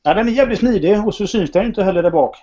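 A man's voice: sits high, animated, crowd noise. A man co-hosting a casual podcast, laid-back and joking with crude asides. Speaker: podcast co-host. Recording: dull lo-fi podcast audio.

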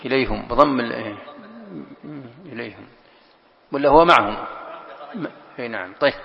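Gravelly-voiced sheikh teaching in a hall. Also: male voice, medium pitch, a little fast. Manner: explains step by step, repeats and restates verses. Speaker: sheikh teaching Quran commentary. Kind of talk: classroom explanation of scripture. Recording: lo-fi recording in a reverberant hall.

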